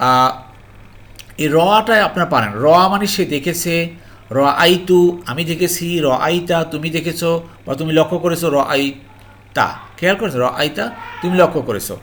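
Male Quran grammar teacher with a Bangladeshi Bengali accent, fairly high voice, slow and repetitive, checks in with viewers. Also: fairly bright tone. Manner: slow, repetitive explanation with frequent "ji" and "alhamdulillah"; addresses viewers as "priyo mohtaram" and checks understanding. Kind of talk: online grammar lesson.

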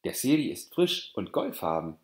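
A man's voice: medium pitch, big pitch swings, normal speed, a little mellow, pitched above the performer's own voice, close to an everyday voice. A man voicing envious, mocking aunts in a fairy-tale audiobook, with a taunting, scornful manner. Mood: coaxing. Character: group of mocking, envious women. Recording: roomy echo.

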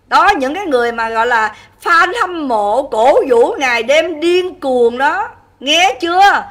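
A woman's voice: high voice, expressive, unhurried, a bit bright, recorded from a distance. A woman hosting a livestream, scolding and insulting at length and asking her viewers again and again if she is right. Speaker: livestream host. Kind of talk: angry livestream rant.

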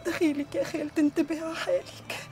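An actress playing a worried, loving aunt. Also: female voice, sits high, little pitch movement, quick pace, a little mellow, soft background music, natural voice. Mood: anxious. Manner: pleading, anxious. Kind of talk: TV drama acting.

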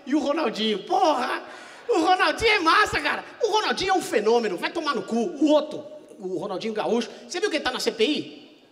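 A male stand-up comedian telling a story on stage at a live show, animated and swearing freely as he acts out the people in it. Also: very high-pitched, quick pace, big-room sound.

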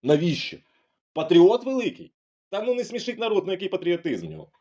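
Middle-aged male commentator, profane and sarcastic rant, dark mellow voice, muffled recording. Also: sits high, huge pitch swings, fast. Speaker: political commentator. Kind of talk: ranting monologue.

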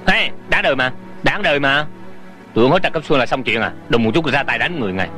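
A man's voice: mid-range voice, animated, fast, sharp tone. A teasing, caring young man. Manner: bantering and coaxing. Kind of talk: Vietnamese dub of a Hong Kong TV drama. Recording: dubbed voice over music score.

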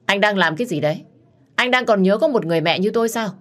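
A woman voicing a spiteful, scheming middle-aged mother-in-law who shouts insults. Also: low-pitched, normal speed, husky. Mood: furious.

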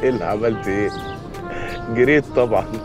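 An actor playing a joking, boastful young fiancé, speaking in Egyptian Arabic with a coaxing, teasing manner. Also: male voice, lowish voice, fast talker, close to an everyday voice. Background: music.

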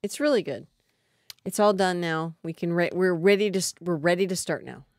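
Chatty middle-aged woman, slightly low voice. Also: a little mellow, no echo, studio quality. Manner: chatty, quick to agree, trailing restarts. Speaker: co-host. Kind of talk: casual live-stream chat. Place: home living room. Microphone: desk microphone.

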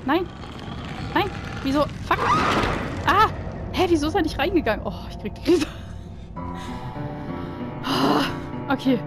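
A woman's voice: high voice, expressive, a little slow, creaky, pauses often, low-quality recording. A woman giving let's play commentary, easily frightened, swearing often and shrieking when scared. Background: game music.

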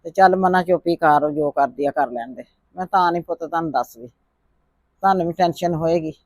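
A man playing a gentle, meek elderly grandmother who talks softly and resignedly, fearing any quarrel. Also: on the high side, fairly quick, no room sound, lightly acted. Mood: worried. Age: older. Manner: soft-spoken, resigned complaining. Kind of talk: family drama vlog acting.

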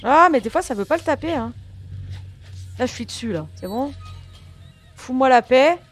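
A woman's voice: high-pitched, animated, normal speed, soft background music. A woman giving casual gameplay commentary, chatting to her viewers and grumbling back at the game. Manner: chatty, talks back to the game and swears lightly at it; addresses viewers as friends. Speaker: gaming channel host.

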